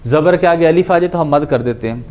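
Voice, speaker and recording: A man's voice: on the high side, darkish tone. Patient man drilling grammar forms. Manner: patient, repeats words while drilling verb forms; mixes English words into his teaching. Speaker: Quran and Arabic grammar teacher. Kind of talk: explanatory lesson.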